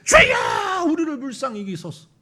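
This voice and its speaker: A man's voice: very high voice, wildly swooping pitch, moderate pace, voice pushed up, exaggerated voice. Desperate blind beggar crying for mercy, as a man puts him on. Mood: desperate pleading. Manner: shouting, pleading.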